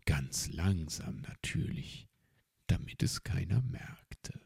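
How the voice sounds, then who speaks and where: A man telling a children's story in audiobook narration. His voice is very low and slow with a gravelly, husky texture. The sound is close and dry. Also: expressive, darkish tone, no echo.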